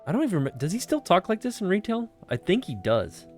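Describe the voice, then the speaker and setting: A man's voice: high voice, very animated, fairly quick, soft background music. A man playing through a game and chatting casually, rambling and swearing freely as he goes. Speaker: game streamer. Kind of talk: casual let's-play commentary.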